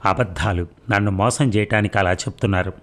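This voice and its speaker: A man reading aloud as a hurt, sharp-tongued young wife who speaks in a sarcastic, accusing way. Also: low voice, fairly quick, lightly acted. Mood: bitter accusing.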